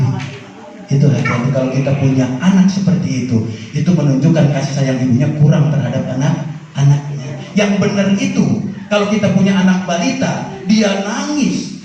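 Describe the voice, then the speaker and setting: A man's voice: sits high, darkish tone. A man preaching a humorous sermon to mothers, playful and teasing, often putting questions to the audience. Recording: echoey hall, distant and dull mic.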